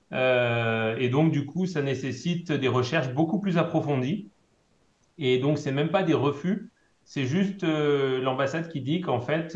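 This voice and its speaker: A man who works on visa sponsorship answers an audience question in a reassuring way, with many hesitant fillers. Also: mid-range voice. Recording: roomy, dull sound.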